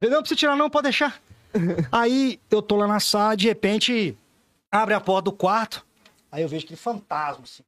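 A man on a podcast as the guest, telling funny stories in a casual, animated way and acting out the voices of the people in them. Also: high-pitched, brisk, no echo. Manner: animated, acts out voices in anecdotes, says "cara" often. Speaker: podcast guest, store owner. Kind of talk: casual storytelling chat.

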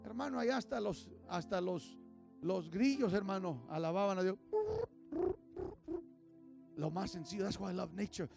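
High, gravelly preacher. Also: male voice, normal speed, pauses often, over music. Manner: switches between Spanish and English, calls out congregation members by name; grows louder and more fervent as he preaches. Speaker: pastor. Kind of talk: sermon.

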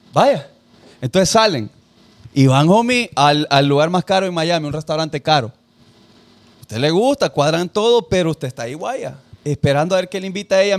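A man on a podcast, giving examples animatedly and repeating himself to make his point. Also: fairly high pitch. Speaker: podcast co-host. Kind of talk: casual chat.

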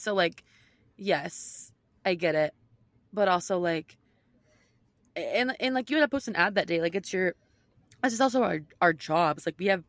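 A woman co-host with a lowish voice chats casually, pushing her opinions emphatically and peppering her sentences with "like." There's no room sound.

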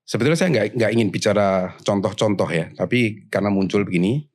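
A man in a casual panel discussion, explaining his views in a measured way, often pausing and restarting. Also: lowish voice, darkish tone.

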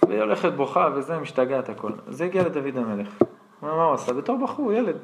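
Animated rabbi telling stories, higher voice. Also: male voice, gravelly, noisy background. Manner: lively storyteller acting out the voices in his tales. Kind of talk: storytelling lesson to an audience.

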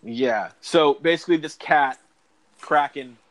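A man's voice: a little high, unhurried, a bit bright. A man talks through a film plot in a loose, chatty podcast recap. He rambles, restarts sentences and leans on fillers like "basically" and "um." His breathing stays audible between phrases. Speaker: podcast host. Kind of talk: casual movie recap.

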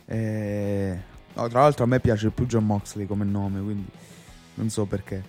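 A man giving opinions as a co-host in a casual chat, hesitant, low-key and resigned. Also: flat delivery, a little slow, darkish tone. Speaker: podcast co-host. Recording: muffled lo-fi audio with music behind.

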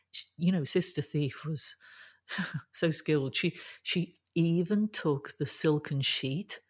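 A woman storyteller narrating a folk tale in a slow, unhurried way. Her voice is husky and slightly low, and she builds drama with pauses and sudden bursts of excitement.

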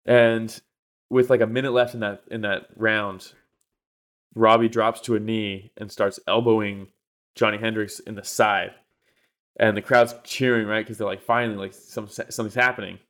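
A man's voice: lowish voice, flat delivery, moderate pace, a bit bright. A man co-hosting a podcast, telling a story in casual chat with lots of fillers and swearing. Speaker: podcast co-host.

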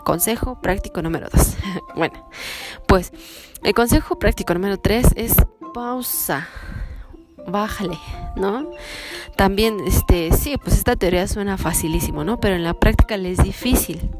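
A woman hosting a self-help podcast, giving practical advice in a lively, coaching way and acting out little scenes. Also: medium pitch, normal speed, long pauses, music in the background. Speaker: podcast host.

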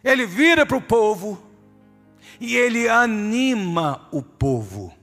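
A man's voice: high voice, big pitch swings, takes it slowly, a bit bright. A man preaching a sermon in a church, emphatic and speaking straight to his listeners. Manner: emphatic, addresses listeners directly as "my dear". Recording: reverberant hall with music behind.

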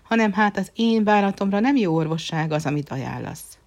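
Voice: mid-range voice, lively intonation, voice pushed up, close to an everyday voice. A storyteller voicing a lovesick, stubborn young prince who speaks earnestly, in a fairy-tale reading.

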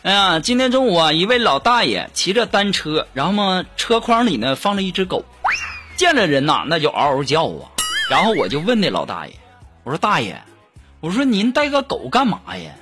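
A man hosting a radio comedy show, telling jokes in a lively storyteller's way and acting out the dialogue. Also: a little high, brisk. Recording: music bed behind the voice. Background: upbeat background music.

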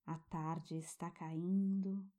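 A Brazilian woman gently narrating a guided sleep-story meditation for children, hushed and tender, as a soothing guide. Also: on the low side, flat delivery. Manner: gentle, hushed, breathy pauses, tender diminutives.

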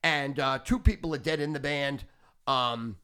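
A man's voice: medium pitch, measured pace, sharp tone, clean tone. A man in his fifties hosting a podcast, telling rambling, boastful stories full of swearing. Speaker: podcast host. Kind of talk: casual storytelling.

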